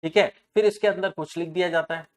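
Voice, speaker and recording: A man's voice: high-pitched, fairly even intonation, brisk. Man lecturing on tax, repeating key points. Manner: asks rhetorical questions and answers them, repeats key terms. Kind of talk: classroom lecture.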